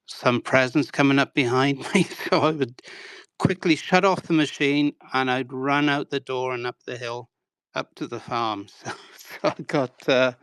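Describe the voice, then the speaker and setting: A Welshman in his sixties, appearing as an interview guest, tells his story in a rambling, self-deprecating way full of hedges like "sort of" and "um". His voice is smooth, resonant and fairly bright at a medium pitch, recorded dry and close with no room sound.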